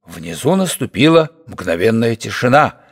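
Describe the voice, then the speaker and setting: Gravelly, expressive male audiobook narrator. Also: medium pitch, measured pace, no echo, studio quality. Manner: expressive, dramatic storytelling. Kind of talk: audiobook narration of popular history.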